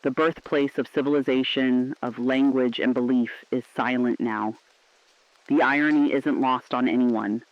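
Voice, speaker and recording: A man plays a solemn radio correspondent, delivering grave, deliberate and poetic scripted narration about humanity's collapse. His natural, medium-pitched voice keeps a fairly even intonation, and the dull, band-limited audio has no echo.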